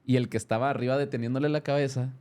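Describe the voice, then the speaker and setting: The clean-toned, medium-pitched voice comes rapid-fire from a man in his thirties with a Mexican accent. Guesting in a casual interview, he tells an animated story with plenty of restarts and self-corrections.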